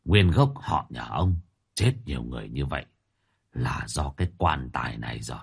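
A man voicing a grim old sorcerer who speaks slowly and gravely, dropping to a murmur. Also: rumbling low, lively intonation, roomy sound, voice pushed down, heavily acted. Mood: ominous.

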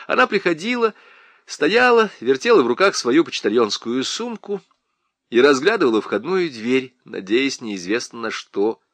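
A man reading a comic novel aloud as an audiobook narrator, with ironic, expressive storytelling. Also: medium pitch, moderate pace, no room sound. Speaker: audiobook reader.

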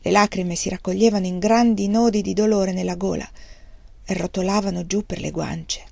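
A woman's voice: medium pitch, steady tone, normal speed, gravelly, mellow, no echo. A woman with an Italian accent reading a novel aloud expressively, sometimes dropping to a whisper. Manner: dramatic, dipping into whispers. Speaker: audiobook reader.

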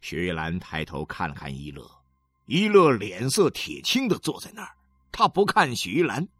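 A man narrating an audiobook with a storyteller's measured delivery. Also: on the low side, huge pitch swings, fairly bright tone, slightly rough.

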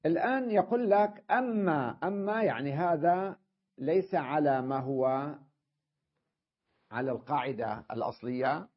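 Man teaching grammar to a class, husky voice a bit high, muffled lo-fi recording, keeps checking students follow. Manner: explains step by step, often checking with students. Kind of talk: classroom lesson.

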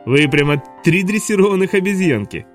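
A man voicing a vain, mocking male school vice principal who talks loudly and sneers. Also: high-pitched, animated, a little fast, soft background music, pitched above the performer's own voice. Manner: loud, sneering, giggling.

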